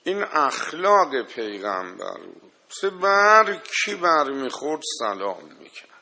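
A male preacher delivers a sermon with a forceful, bright voice, retelling a story with drama and acting out the dialogue. He turns to his listeners with emphatic lists of warnings, pressing each point home. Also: fairly high pitch, very animated, vocal fry.

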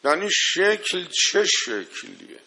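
Forceful-voiced preacher man, dramatic storytelling. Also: high voice, big pitch swings. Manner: dramatic, emphatic, acts out quoted dialogue; addresses listeners directly with warning lists. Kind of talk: religious sermon with storytelling.

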